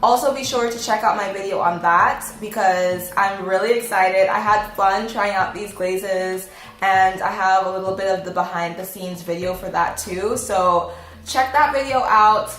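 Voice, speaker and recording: A woman's voice: medium pitch, normal speed, fairly bright tone. A woman taste-testing her own cookies in a casual, enthusiastic vlog. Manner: chatty, enthusiastic, filler-heavy. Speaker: recipe vlogger. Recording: roomy echo, faint music behind.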